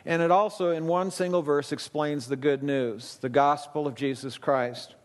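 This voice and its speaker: A man's voice: on the high side, steady tone, moderate pace, long reverb tail. A man in his fifties, a pastor, delivering a conversational sermon at a pulpit microphone in a church, with easy asides.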